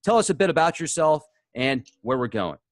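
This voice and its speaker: A man's voice: on the high side, big pitch swings, a little fast, no echo. Chatty male interview host, dry sound. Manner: chatty, loose, laughs now and then. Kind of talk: casual interview chat.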